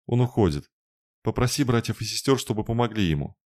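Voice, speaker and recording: A man's voice: medium pitch, lively intonation, a little fast, a little mellow, pitched above the performer's own voice, natural voice. A man voicing a desperate young woman who pleads tearfully. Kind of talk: audiobook narration.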